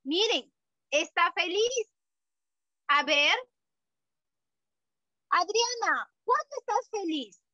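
High sing-song preschool teacher. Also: female voice, animated, extremely slow, pauses often, pushed and bright, no room sound, muffled recording. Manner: sing-song, exaggerated, affectionate teacher talk. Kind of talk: online class for small children.

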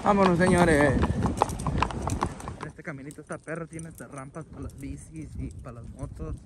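A Mexican man talks in a high voice, joking and swearing in loose slang as he vlogs his trip. He is outside, and clear street and traffic noise runs under his voice. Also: fairly even intonation, moderate pace. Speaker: vlogger. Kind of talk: casual vlog on the road. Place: outdoors on a roadside.

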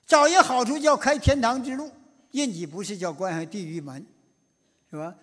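A man with a Northeastern Mandarin accent gives a moral lecture in a lecture hall, telling stories in a folksy, animated way with many "是吧" asides. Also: extremely high pitch, normal speed, soft background music. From Northeast China. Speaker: public lecturer. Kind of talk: moral lecture told through anecdotes. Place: lecture hall at a public forum.

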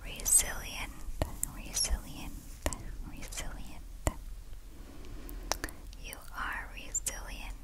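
A woman gives a whispered ASMR pep talk of positive affirmations in a clicky, breathy whisper, repeating soothing, encouraging phrases. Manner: slow, repetitive, soothing encouragement. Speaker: ASMR host.

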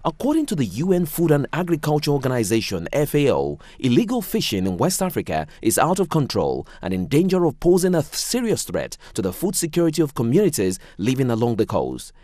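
Man reading news with lively pitch. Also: no echo, clean studio sound. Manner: measured reading with wide pitch swings. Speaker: news reporter. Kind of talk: scripted news narration.

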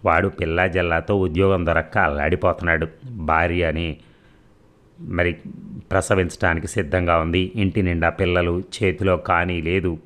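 A man reading the lines of a kind older father who reasons calmly and firmly. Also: sits low, normal speed. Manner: calm, reasoning and firm. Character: kind, firm older father, aging gentleman.

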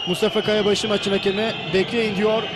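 A man's voice: high-pitched, little pitch movement, a little fast. A man giving live play-by-play football commentary. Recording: noisy stadium broadcast with loud crowd. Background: loud crowd and stadium noise.

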